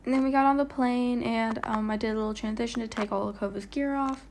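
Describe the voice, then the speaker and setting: Woman, casual vlog narrator, higher pitch, rambling and stuttery, faint background hiss. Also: fairly even intonation, fast, darkish tone. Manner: chatty, rambling, lots of "like" fillers; stumbles and stutters on words. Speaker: vlogger. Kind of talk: casual travel vlog voiceover. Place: voiceover, not recorded on location.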